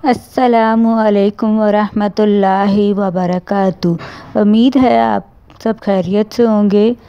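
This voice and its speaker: Cooking vlog host, woman, Pakistani Urdu accent, unhurried and mellow, gently devout. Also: mid-range voice, fairly even intonation, clear, resonant tone, muffled recording. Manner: slow, gentle, with pious blessings. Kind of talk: recipe vlog narration.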